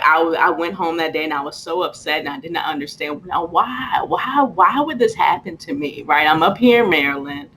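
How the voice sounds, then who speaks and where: A young woman from Virginia, telling a work story in a casual interview, laughing often and acting out quotes in a high voice. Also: fairly bright tone, a little hiss or hum, low-quality recording. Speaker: guest.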